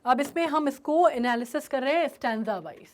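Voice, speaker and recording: High-voiced Indian woman teaching a poem. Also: lively intonation. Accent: Indian English. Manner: switches between Hindi and English, checks understanding often, reads lines slowly. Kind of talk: classroom-style lesson explaining a poem.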